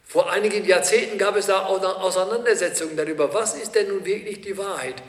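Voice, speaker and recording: Predigender Mann in halligem Raum. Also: male voice, sits high, a little fast. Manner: asks many questions, earnest. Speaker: preacher. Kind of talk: sermon. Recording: echoey hall with long reverb.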